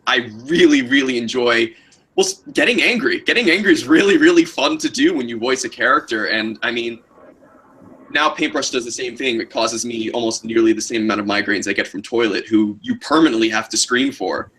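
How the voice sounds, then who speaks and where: Bright husky young man chatting. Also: mid-range voice, fairly quick. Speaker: co-host, voice actor. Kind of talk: casual livestream chat.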